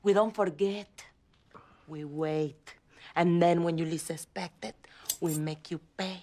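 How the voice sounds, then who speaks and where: An actress playing a passionate, loud middle-aged Colombian wife in a sitcom, with a strong Colombian accent. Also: female voice, fairly low pitch, fairly even intonation, slow pace. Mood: menacing. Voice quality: loud, emphatic, bursts into shouting. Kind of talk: sitcom acting.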